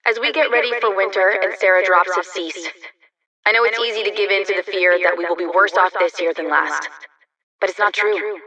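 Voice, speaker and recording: An actress playing a reassuring propaganda broadcaster for a survivor community in a video game, speaking earnestly over the radio. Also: female voice, mid-range voice, a little fast, pushed and bright, far from the mic, highs cut off. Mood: earnest reassurance.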